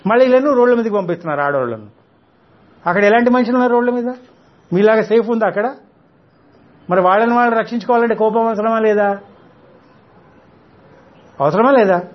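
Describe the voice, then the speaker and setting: A man giving a spiritual talk, scolding his listeners with rhetorical questions and English words mixed in. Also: sits high. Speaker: spiritual teacher. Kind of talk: spiritual discourse to an audience. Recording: dull lo-fi recording.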